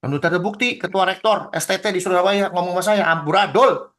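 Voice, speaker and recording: A man's voice: sits high, fast talker, fairly bright tone. A man, a pastor leading a teaching discussion over a video call, talking in an emphatic, indignant way and acting out quoted exchanges.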